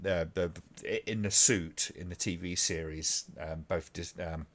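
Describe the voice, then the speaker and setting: Hosting a live stream, a British man reacts to old clips in easygoing chat, chuckling and leaning on fillers. His low voice is steady and fairly bright, at a measured pace.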